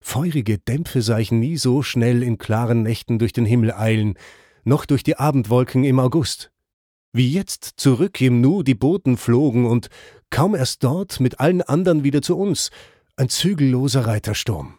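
Mellow-voiced man reading classic verse. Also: medium pitch, no echo, clean studio sound. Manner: measured, even reading. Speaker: audiobook reader. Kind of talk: scripted narration of classic poetry.

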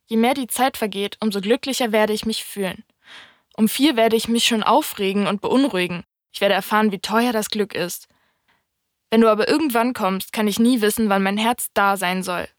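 A woman voicing a wise, wistful fox in an audiobook reading, speaking in a calm, thoughtful, explaining way. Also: mid-range voice, normal speed, no echo, studio quality, natural voice. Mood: patient.

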